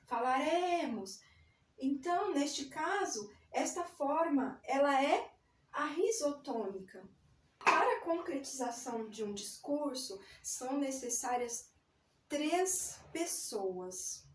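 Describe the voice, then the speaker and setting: A woman's voice: high voice, expressive, slow pace, slight background noise. Woman, grammar teacher, patient step-by-step explanations, echoey room, slightly distant mic. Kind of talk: recorded grammar lesson.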